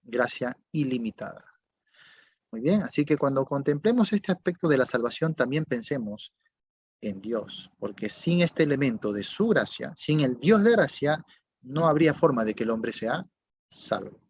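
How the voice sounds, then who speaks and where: This sermon comes from a husky, animated male pastor speaking in a mid-range voice at normal speed. He throws out rhetorical questions, checks that the congregation follows with tag questions, and moves from loud to soft, all captured in a dull, dry lo-fi recording without room sound.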